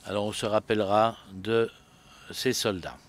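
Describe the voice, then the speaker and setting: A man giving a conference presentation, halting often with filler pauses as he speaks. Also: lowish voice, steady tone.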